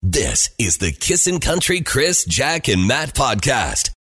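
A man announcing a radio show ident in a husky voice, in the punchy manner of a radio promo. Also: mid-range voice, very animated, slow, fairly bright tone, dry recording, clean studio sound.

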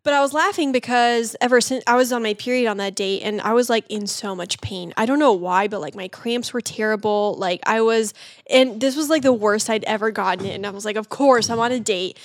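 A woman in her late twenties, a podcast co-host, tells dating stories in a casual chat, constantly dropping "like" as filler. Her voice is fairly high and a little fast, recorded dry in a clean studio.

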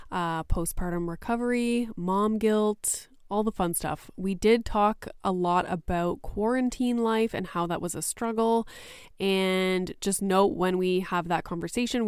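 Slightly congested woman podcast host, smooth and chatty. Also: on the low side, no room sound, studio quality. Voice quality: slightly congested, stuffy-nosed sound from a cold. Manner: chatty, informal, candid. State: sinuses a bit plugged after a cold. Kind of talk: casual podcast monologue.

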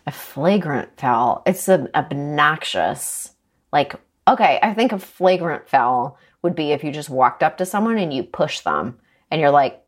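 A woman's voice: low voice, animated, measured pace, breathy edge. A woman in casual chat, playfully guessing at sports terms and acting out little scenes. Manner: playful, acts out scenes in bursts of voices. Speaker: quiz guest.

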